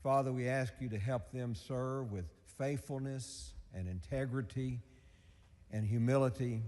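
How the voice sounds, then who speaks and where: Male chaplain, mellow voice, earnest repetitive prayer, big hall reverb. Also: mid-range voice, a little slow. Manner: repetitive earnest invocation, often addressing Father. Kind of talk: opening prayer. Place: legislative chamber. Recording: long reverb of a large hall.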